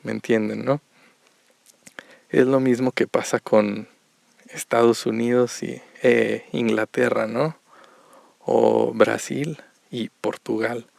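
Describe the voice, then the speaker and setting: A Mexican man with a very gravelly, creaky voice teaches Spanish on a podcast. He takes it slowly and repeats each point with example after example. The recording is dry and close. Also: medium pitch, steady tone, a little mellow, dry recording. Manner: slow, repetitive explanations with examples. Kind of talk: podcast lesson for learners.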